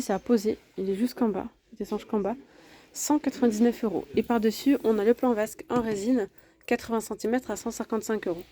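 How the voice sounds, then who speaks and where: A woman's voice: fairly high pitch, warm tone. A woman chatting casually as she walks through a large home improvement store, listing prices and sizes with many fillers, recorded on a handheld phone. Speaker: vlogger touring a store. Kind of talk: casual shopping walkthrough.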